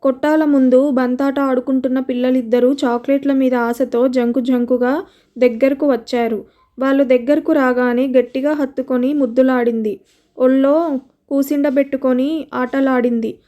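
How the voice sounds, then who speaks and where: A woman storyteller reading a scripted story in a steady, even way. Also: high-pitched, normal speed.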